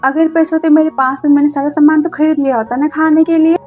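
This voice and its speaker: A fierce young wife who mocks her in-laws without holding back, read by a woman. The voice sits high and stays blunt and scornful. Faint music plays underneath. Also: steady tone, quick pace, darkish tone, natural voice.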